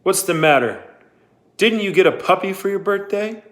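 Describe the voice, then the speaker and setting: A man reading aloud, voicing a stern, sarcastic woman who runs a camp, with cold, drawn-out questions. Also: mid-range voice, expressive, voice pushed up, lightly acted. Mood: icy.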